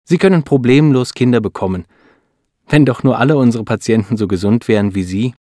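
A man's voice: mid-range voice, a little fast, dark tone, no room sound, clean studio sound, close to an everyday voice. A man voicing a serious female lab doctor who speaks earnestly and hesitates over bad news. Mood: reassuring.

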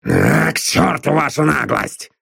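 A man's voice: sits low, sing-song, unhurried, gravelly, breathy edge, dry recording, studio quality, heavily acted. A man doing a growling, bullying thug in a storybook. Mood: sneering. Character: gruff, sneering middle-aged male blackmailer.

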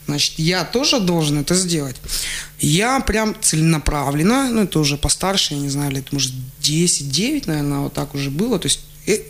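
Relaxed and chatty, a man with a fairly high voice tells stories from his childhood as a radio show guest. He laughs often and keeps using fillers and restarting sentences, captured by a studio microphone in a radio studio.

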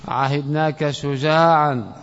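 A man's voice: fairly high pitch, fairly even intonation, slow pace, a bit bright, a little hiss or hum. A man teaching a classroom grammar lesson, quizzing students and calling on them by name. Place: classroom or mosque hall. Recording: lo-fi recording with long hall reverb.

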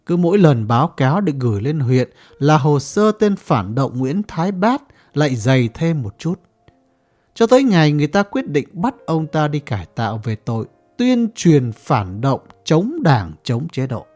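A narrator reading a story aloud in a measured, wry storytelling voice. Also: mid-range voice, big pitch swings, a little mellow. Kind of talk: audiobook narration.

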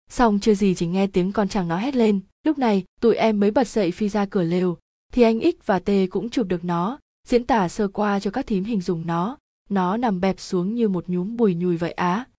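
A woman's voice: medium pitch, warm tone, no echo, clean studio sound. A woman reading a first-person horror story aloud in a casual, slangy way, addressing her listeners directly.

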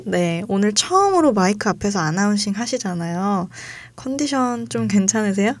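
A woman's voice: mid-range voice, expressive, normal speed, dry recording. A young woman hosting a radio book show in a polite, neatly enunciated announcer style, addressing listeners. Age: young adult. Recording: music under the voice. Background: background music.

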